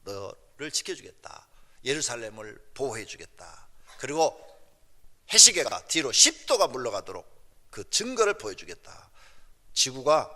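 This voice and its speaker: A male pastor preaches with a bright, fairly high voice that leaps up and down in pitch. He moves from hushed asides to loud, pressing appeals to the congregation. His voice rings with the long reverb of a church hall. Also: vocal fry. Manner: emphatic preaching, swinging between soft asides and loud exhortation. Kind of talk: sermon. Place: church sanctuary.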